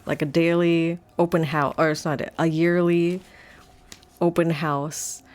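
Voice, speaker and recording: A woman reading a sci-fi novel aloud on a live stream, her voice sitting a little low. She moves easily between steady narration and chatty, rambling asides full of "like". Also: a little slow.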